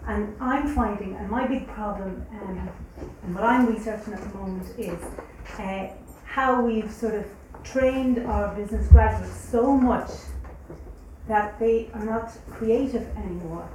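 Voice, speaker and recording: A woman academic giving an unscripted, halting comment at a conference, recorded at a distance in an echoing, noisy room. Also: medium pitch, darkish tone. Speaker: business academic.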